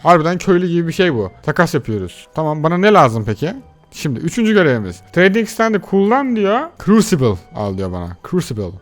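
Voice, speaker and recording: A young man hosting a let's play video, excitably chattering to his viewers while he plays. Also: on the high side, fast talker, faint music behind. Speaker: gaming channel host.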